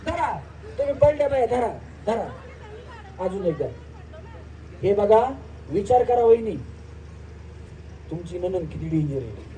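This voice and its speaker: A man with a rural Marathi accent runs a village game show outdoors, calling out moves and teasing the women players. His voice is very high and mellow. He is picked up from a distance, with faint noise behind him. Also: animated, a little slow, long pauses, some chatter behind. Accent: Marathi, rural Maharashtra. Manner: teasing, loud calls, counting out games. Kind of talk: joking game commentary at a live village event. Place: outdoor village stage event.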